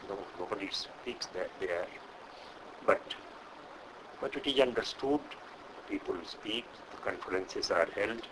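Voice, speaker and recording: An older man from India with an Indian English accent, a Sanskrit scholar answering an interview question in a measured, hesitant way. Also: lowish voice, noisy background. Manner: measured, hesitant with frequent uh, lecturing.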